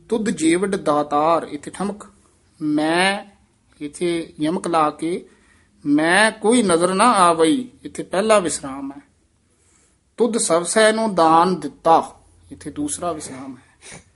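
A man teaching the careful recitation of scripture. He reads each line in a measured way, then explains where to pause and how to pronounce words. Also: high voice, fairly bright tone.

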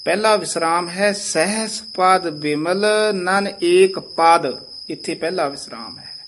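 A man teaching how to pronounce scripture, who says each phrase slowly and then explains the correction. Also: sits high, fairly bright tone, slight background noise. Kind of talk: pronunciation lesson.

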